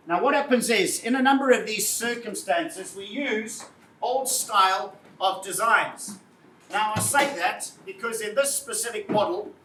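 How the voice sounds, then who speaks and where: A man's voice: high-pitched, fairly bright tone. A man giving a live car presentation to an audience, jovial and chatty, calling them folks and joking with the crowd. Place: showroom or event space. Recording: echoey room, voice heard from far off, faint ambience.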